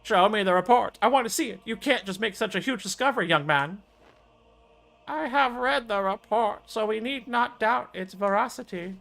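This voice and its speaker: A cold, haughty old man from a video game, voiced by a man talks down to everyone. The voice sits raised in pitch and sounds imperious. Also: moderate pace, vocal fry, fairly bright tone, rough recording. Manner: condescending, imperious. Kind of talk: video game character dialogue read aloud.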